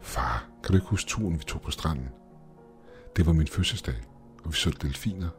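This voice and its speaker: A man's voice: very deep voice, expressive, soft background music, pitched above the performer's own voice. Brief: a man playing a scared daughter in her thirties, shaky and pleading, horror audiobook. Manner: trembling, pleading. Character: frightened young woman in her thirties, the daughter.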